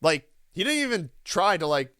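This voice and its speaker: A man with a sore throat talks through political news in a loose, rambling way, full of fillers. His pitch swings widely, and the tone stays smooth and close in a dry, dead space. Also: sing-song, normal speed, fairly bright tone, no room sound. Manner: rambling, many "like" fillers, swearing, laughs often. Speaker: radio and podcast host. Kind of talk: casual political commentary.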